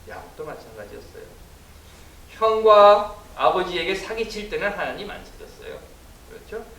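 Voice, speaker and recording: A man preaching a sermon as pastor, telling the story in an animated way and acting out cries and inner thoughts. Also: high-pitched, normal speed. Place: church sanctuary. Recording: echoey church room, mic from a distance, faint hiss.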